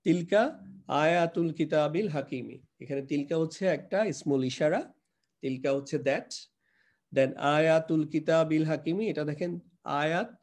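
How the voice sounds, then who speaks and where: A man with a somewhat higher-than-usual voice leads a live online grammar class. He works through each example patiently, step by step, and slips English terms into his explanations. He checks what his students understand by asking questions and repeating their answers. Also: mellow. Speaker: Quranic Arabic grammar teacher.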